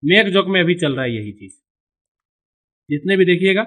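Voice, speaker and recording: A man from India walks through animation software one step at a time, explaining as he clicks. His voice sits high, and he keeps saying "okay" to mark each step. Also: expressive, normal speed. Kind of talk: screen-recorded software tutorial.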